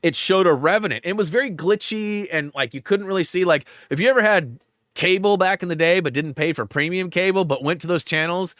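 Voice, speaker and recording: Hosting a gaming livestream, a man rambles casually, piling on fillers and saying "like" a lot, and he sounds a bit stuffed up. His voice is high-pitched, brisk and fairly bright, with clean studio sound and no echo.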